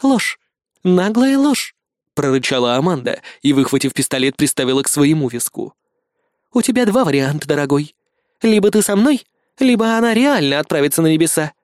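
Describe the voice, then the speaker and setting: A man's voice: on the high side, lively intonation, brisk, no echo, lightly acted. A male reader voicing a scheming alien woman who controls a host body, mocking and bossy, recorded close on a dry studio mic. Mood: menacing.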